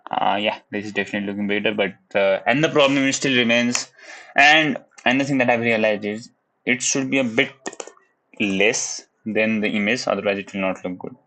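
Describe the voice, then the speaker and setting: A young adult man from Nepal with a Nepali accent live-streams himself practicing web coding, offering casual commentary and thinking aloud in a laid-back way. He chuckles, hums little la-la tunes while working, and sometimes switches into Nepali. His voice is fairly low and a little fast, and the audio is poor.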